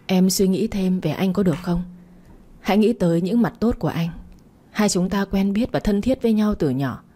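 A woman's voice: mid-range voice, normal speed, warm tone, natural voice. A woman reading the part of a persistent young man who pleads with the woman he loves, in a storybook reading. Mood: pleading. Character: young man pleading with his childhood friend.

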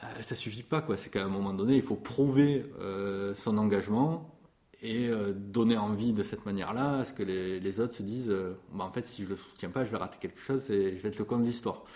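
A man's voice: fairly low pitch, fairly quick, warm tone. A man in his forties, a music publisher, talking with passion about his trade in an interview, with many fillers and restarts. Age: 40s. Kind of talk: interview conversation.

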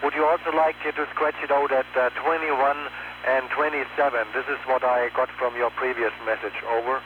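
A man's voice: medium pitch, steady tone, moderate pace. A male astronaut confirming updates by space radio in hesitant, formal, procedural phrases. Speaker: astronaut copying message updates. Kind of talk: space-to-ground radio exchange. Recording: noisy tinny space radio with hum.

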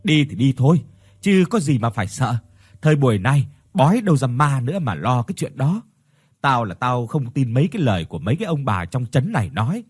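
A man's voice: medium pitch, big pitch swings, brisk, a little mellow, slightly rough, no echo, studio quality. A man voicing a cocky, joking young man who scoffs at talk of ghosts.

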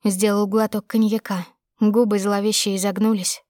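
A woman's voice: medium pitch, flat delivery, normal speed, a little mellow, no room sound. A woman narrates a dramatic first-person audiobook with tense, emotional delivery. Her voice sits in a middle register. The sound is close and dry, with no room around it.

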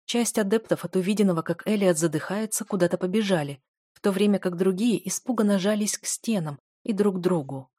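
A woman's voice: medium pitch, fairly quick, warm tone, dry recording, clean studio sound. A woman narrating first-person fiction as an audiobook reader, in a dramatic, intense read.

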